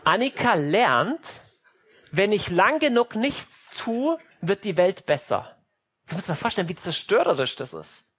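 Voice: mid-range voice, sing-song, measured pace, fairly bright tone, husky. A preacher delivering an emphatic sermon, teaching through everyday family examples and briefly acting out the scenes.

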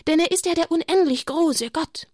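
A woman's voice: very high-pitched, moderate pace, a little mellow, no room sound, clean studio sound, voice pushed up. A woman reading the part of a pious mother who teaches children to pray in a storybook. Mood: devout. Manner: devout, instructive storybook reading.

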